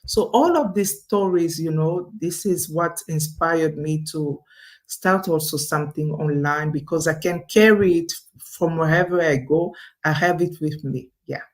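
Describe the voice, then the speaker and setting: Her voice sits low and her pace is measured. She's a Congolese online business owner, French as her first language, chatting as a guest in a casual video-call interview, laughing a lot and frequently restarting amid many fillers.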